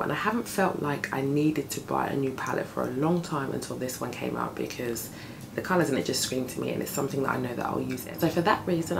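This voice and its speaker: A beauty vlogger in her thirties chats casually at home while doing her makeup, her morning voice deeper than usual and marked by vocal fry. She's indoors in her flat, filmed at close range by a camera on her desk, and plane and street noise drifts in through the open window.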